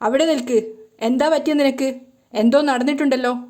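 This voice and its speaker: A protective young husband who fires off demanding questions and refuses to let things go, read out by a woman in a storytelling voice. The voice sits a little high and soft-toned. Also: steady tone, a little fast, close to an everyday voice. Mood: pressing.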